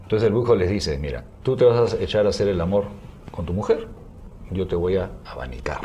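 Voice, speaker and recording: A man who is a guest on a radio show, telling a joke haltingly with fillers and bursts of laughter. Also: low voice, expressive, muffled recording. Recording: noisy radio broadcast.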